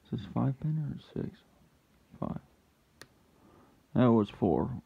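A man's voice: mid-range voice, big pitch swings, slow pace, creaky, breathy edge, highs cut off. A man hosting his own hobby channel, talking casually and half to himself as he works through a task step by step, with an occasional frustrated outburst. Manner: muttering to himself while working, with sudden frustrated yells. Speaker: lockpicking hobbyist channel host. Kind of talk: casual hands-on commentary.

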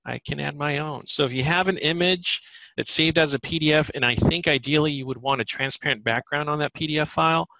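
A man working as a software trainer, giving a live screen-share demo in a webinar and thinking aloud as he goes. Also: on the high side, a little fast, gravelly, slight background noise, rough recording. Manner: thinks aloud while demonstrating.

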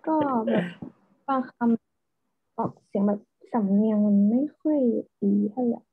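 A woman student whose first language is Thai, giving a halting practice answer and rating herself. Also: a little high, husky, no echo. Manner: hesitant, halting speech. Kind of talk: practice speaking answer and self-assessment. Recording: tinny phone-like call line.

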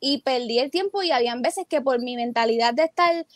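A woman's voice: sits high, fairly quick, no echo, clean studio sound. A young adult woman, a teacher and entrepreneur, telling stories as a guest in a casual interview and acting out her own quoted thoughts.

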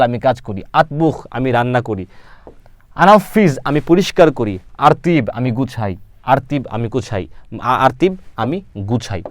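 A man's voice: medium pitch, dry recording. A man teaching an Arabic lesson, repeating each word and asking then answering his own questions. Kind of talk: spoken language lesson.

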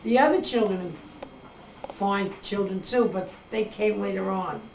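A woman's voice: medium pitch, measured pace, darkish tone, slight background noise. An older grandmother in a family home-video interview, talking in an earnest, sentimental, rambling way, heard on an old VHS tape. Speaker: grandmother interviewed by her son. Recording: echoey, distant camcorder mic with music behind.

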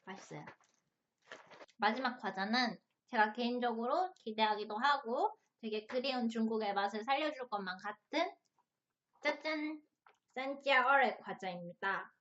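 A woman's voice: fairly high pitch, fairly bright tone, dull audio. A woman hosting a casual mukbang review, talking as she tastes crunchy chips and snacks. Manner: tasting and eating chips and snacks while talking.

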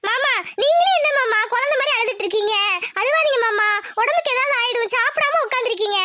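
Caring young cartoon village woman, pleading, very high, bright, faint music. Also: fast. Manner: pleading, consoling. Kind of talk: cartoon voice acting.

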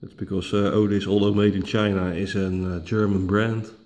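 Fairly low-pitched, flat and a little mellow, a man presents a slow tablet-reset walkthrough as a tech tutorial host. He is not a native English speaker and appears to be Dutch, and he speaks unhurriedly with lots of "uh" and frequent restarts and corrections. The recording comes from a camera mic in his home dining room.

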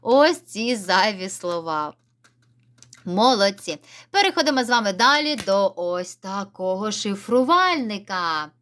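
A woman records a reading lesson for young children on a camera she set up herself. Her voice swings up and down in a lively sing-song as she draws out words and cheers the class on. Her pitch sits in the middle for a woman. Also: unhurried, slight background noise. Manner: encouraging, sing-song, stretches key words. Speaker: primary school teacher.

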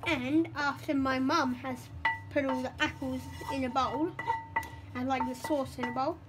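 A woman's voice: sits high, fairly even intonation, measured pace, over music. A young woman chatting through a casual cooking vlog at home, rambling and correcting herself as she goes. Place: home kitchen.

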